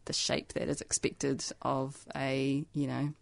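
A woman's voice: rumbling low, flat delivery, gravelly, no room sound. A woman co-hosting a casual radio chat, speaking earnestly and with emphasis. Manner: earnest, emphatic, slow in places. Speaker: radio co-host. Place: radio studio.

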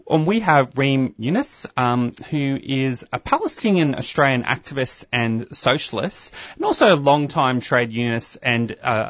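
A man's voice: medium pitch, fairly bright tone, dry recording, dull audio. A man hosting a community radio show, introducing a guest hesitantly with many fillers. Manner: hesitant, lots of um and kind of. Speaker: radio host.

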